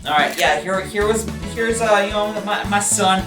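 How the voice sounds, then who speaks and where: A let's-play co-host telling rambling deadpan jokes over gameplay. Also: mid-range voice, moderate pace. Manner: rambling, deadpan storytelling with fillers. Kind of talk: mock-dramatic gaming commentary. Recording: roomy room with game music.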